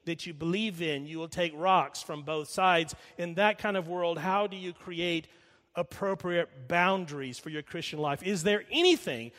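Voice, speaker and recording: A middle-aged pastor delivers a sermon in a slightly high voice, emphatically slowing down and repeating himself to hammer points home, then dropping quiet when he tells stories. The recording carries the long echo of a large hall.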